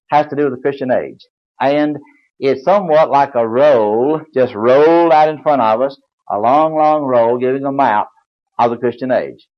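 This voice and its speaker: Older preacher on a dull lo-fi tape. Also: male voice, mid-range voice. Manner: folksy, explanatory, spells words aloud. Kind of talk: Bible lecture sermon. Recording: dull lo-fi recording.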